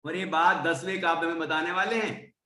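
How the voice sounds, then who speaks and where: A man teaches a devotional text, explaining each point and chanting each line slowly so his students can repeat it. His voice sits a little high and sounds bright and forceful. The room around him is roomy and echoey. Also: fairly even intonation. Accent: Hindi speaker from Indore, central India. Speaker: religious teacher. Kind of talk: devotional text lesson with recitation.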